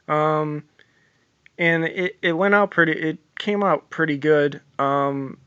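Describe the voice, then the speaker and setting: Man, casual DIY vlogger, flat delivery, slightly raised pitch, dry close sound, hoarse edge, swears casually. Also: no echo. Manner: relaxed, rambling, lots of ums and uhs, swears casually. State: losing his voice. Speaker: homeowner vlogger. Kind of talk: casual home-repair vlog narration.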